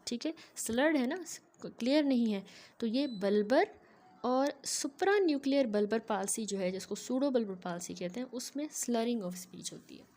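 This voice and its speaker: Methodical woman lecturer, fairly high voice. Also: expressive, slow, a little mellow. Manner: methodical, keeps checking in with "ठीक है". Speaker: medical lecturer. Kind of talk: explanatory medical lecture.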